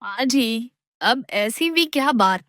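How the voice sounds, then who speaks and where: A woman's voice: a little high, expressive, slow, a bit bright, no room sound, studio quality. A woman voicing a clever young daughter-in-law in a cartoon, pleading at times and sly at others. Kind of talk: cartoon voice acting.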